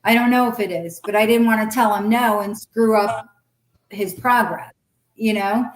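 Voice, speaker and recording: Sharing her own story as a guest, a middle-aged woman talks bluntly and candidly, swears freely, and brings old conversations to life in lively quoted voices. Her pitch is mid-range for a woman and her pace moderate. The roomy recording carries a clear echo plus a little hiss or hum.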